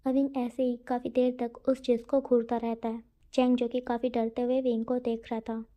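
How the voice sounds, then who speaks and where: High-voiced woman chatting through a story to her viewers, kinda flat, muffled lo-fi sound. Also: normal speed. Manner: chatty, addresses the listeners directly. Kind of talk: casual story narration.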